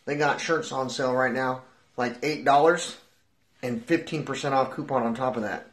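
A man in his thirties giving an absurd comedy monologue, moving from flat deadpan remarks to frantic screaming. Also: medium pitch, moderate pace. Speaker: comedic vlogger.

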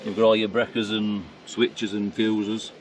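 A motorhome owner from Yorkshire, England, with a Barnsley accent, gives a casual walkaround tour of his motorhome outdoors at a campsite. He speaks plainly and matter-of-factly, with a fairly low pitch, level tone and measured pace. His voice sounds distant, with wind and outdoor noise in the recording.

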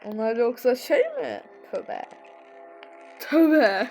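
A woman giving let's-play commentary, jumpy, swinging from muttering to panicked yelling, with playful sing-song chanting. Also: on the high side, wildly swooping pitch, very slow, faint music behind, rough recording. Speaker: gamer.

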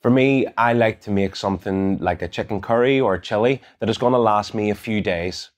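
A man in his thirties with a Northern Irish accent, calmly walking through an app tutorial step by step, recorded on a lapel mic in a gym studio. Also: on the low side, fairly quick. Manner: calm, methodical, instructive. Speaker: gym coach. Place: gym studio in front of a branded backdrop.

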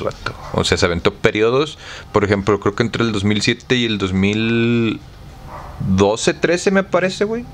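A man's voice: lowish voice, slight background noise. A man with a Mexican accent, casually commenting on a book with lots of slang and an irreverent tone. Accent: Mexican Spanish. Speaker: book club host.

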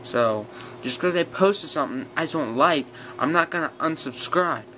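A slightly high-voiced young man, teens to young adult, talks at a normal speed in a blunt, rambling vlog rant, a retainer giving his speech a slight slur. The built-in mic sits at arm's length while he sits on the bed of his small bedroom, and a steady fan noise plus bedroom ambience can clearly be heard.

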